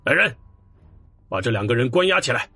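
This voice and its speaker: An actor playing a stern, angry middle-aged councillor in an audio drama. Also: male voice, medium pitch, very animated, brisk, sharp tone, breathy edge, no echo, soft background music, heavily acted. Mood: commanding.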